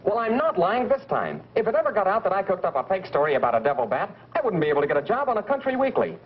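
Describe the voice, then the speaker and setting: An American actor playing a brisk, sly newspaper reporter in a 1940s B-movie style. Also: male voice, sits high, very animated, slightly rough, heavily acted. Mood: insistent. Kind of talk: 1940s B-movie film acting. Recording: muffled, noisy vintage film soundtrack.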